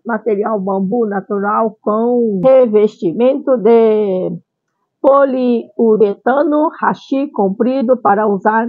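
A woman's voice: on the high side, no room sound. A middle-aged woman hosting a chatty vlog in a playful, cutesy streamer manner, recorded on a camera at home. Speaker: vlog channel host. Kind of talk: chatty vlog product presentation with cute Japanese greetings. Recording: dull lo-fi camera sound.

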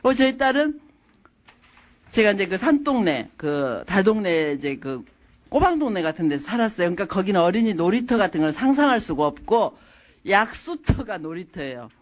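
A middle-aged woman lectures an audience at a moderate pace using stories from her own family life, her pitch swinging widely. She tells each anecdote animatedly and acts out the people she quotes.

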